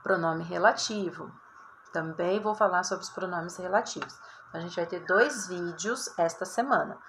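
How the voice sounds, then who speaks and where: A Brazilian woman teacher giving a recorded writing lesson, talking straight to her students in a chatty, lively way. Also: on the low side, moderate pace, a little hiss or hum. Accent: Brazilian Portuguese. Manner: chatty, addresses students directly, lots of "tá?" and "ó".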